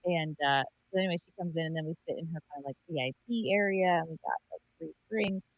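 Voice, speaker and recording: A woman rambles through a self-conscious story full of fillers. Her lowish voice comes over wobbly, warbling online call audio that drops in and out. The sound is dry, with little room echo. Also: fast talker, highs cut off. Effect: wobbly, warbling call audio that cuts out. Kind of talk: casual chat.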